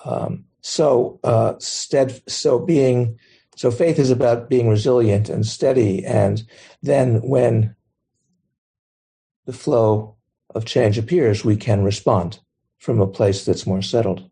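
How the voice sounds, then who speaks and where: A man, a Zen teacher, giving a gentle, thoughtful dharma talk and taking questions. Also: mid-range voice, steady tone, takes it slowly, slightly rough.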